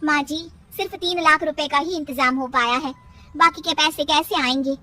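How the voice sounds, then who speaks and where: A woman's voice: sits high, moderate pace, pushed and bright, dry recording, far from the mic. A woman voicing a young village daughter-in-law who speaks respectfully and earnestly.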